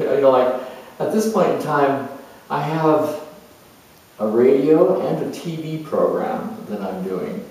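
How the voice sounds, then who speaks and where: A man performs a dramatized, in-character monologue as an earnest, reflective spiritual seeker, a male adventurer turned motivational broadcaster. His medium-pitched, warm voice comes out haltingly and conversationally, with pauses, in an earnest, wondering mood. The recording has an echoey room and a distant microphone.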